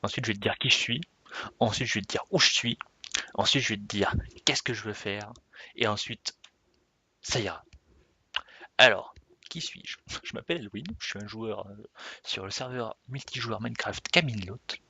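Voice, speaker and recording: A man talks off the cuff, rambling and restarting his sentences as he goes. His low voice has a bright, gravelly edge. The sound is dry and close, with no room around it. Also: normal speed, long pauses, no echo. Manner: rambling, self-correcting, laughs at himself. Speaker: Minecraft server player introducing himself. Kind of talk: unscripted casual vlog talk.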